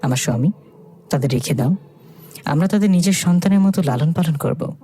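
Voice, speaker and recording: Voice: medium pitch, a little fast, mellow, a little hiss or hum, lightly acted. A narrator voicing a sinister childless village woman in a horror story, coaxing and eerie.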